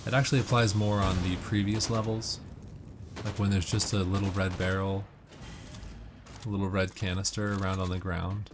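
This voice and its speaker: A man with a deep voice gives casual, instructional game commentary, walking through tips step by step. He speaks at a moderate pace with little pitch movement, over background noise of game music and gunfire.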